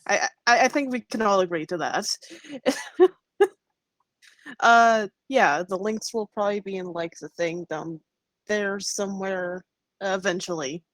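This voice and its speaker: A woman's voice: mid-range voice, normal speed, a bit bright, no echo. Offhand, hesitant woman in a dry recording. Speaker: player in a tabletop role-playing show. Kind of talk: casual chat.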